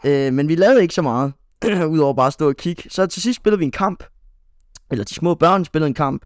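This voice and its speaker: Chatty young man, slightly high voice. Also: dry recording, studio quality. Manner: rambling storytelling with many fillers. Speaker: podcast co-host. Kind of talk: casual chat.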